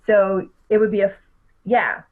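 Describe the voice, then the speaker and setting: A middle-aged woman coach talks through speaking techniques in an animated, explanatory way, her pitch sitting at a middle level. Her voice comes through a thin, phone-like line. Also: a little slow. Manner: animated, explanatory, laughs often. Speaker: public speaking coach, guest. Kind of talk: podcast interview.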